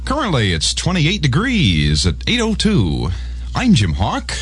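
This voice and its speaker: A man's voice: a little high, wildly swooping pitch, measured pace, breathy edge. A man reading news, weather and traffic on morning radio, with some banter. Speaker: radio newsreader.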